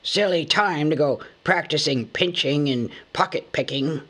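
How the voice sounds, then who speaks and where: A man's voice: a little high, a little slow, sharp tone. A man voicing a hungry male dwarf who grumbles and complains. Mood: grumbling.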